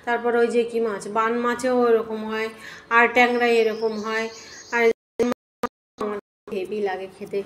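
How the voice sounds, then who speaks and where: A middle-aged woman, hoarse from a cold, chatting homely to viewers as she cooks fish in her kitchen. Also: fairly high pitch, a little hiss or hum. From Bengal. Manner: chatty, homely, talks to viewers while cooking. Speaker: cooking vlogger. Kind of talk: casual cooking commentary. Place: home kitchen.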